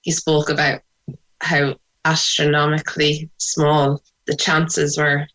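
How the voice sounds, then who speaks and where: A woman's voice: sits low, completely flat delivery, takes it slowly, fairly bright tone, poor audio. Woman with a west of Ireland accent. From Sligo, west of Ireland. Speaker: interviewee. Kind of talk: personal interview, recounting memories.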